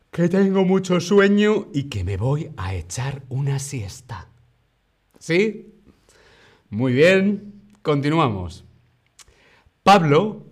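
A man from teaching a live online lesson, saying example phrases slowly and drawn out, with lively exclamations between them. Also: a little high. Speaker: Spanish teacher.

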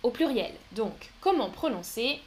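A woman giving a live pronunciation lesson, speaking slowly and carefully, repeating each word and laughing softly now and then. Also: fairly high pitch, expressive, a little hiss or hum. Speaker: French teacher.

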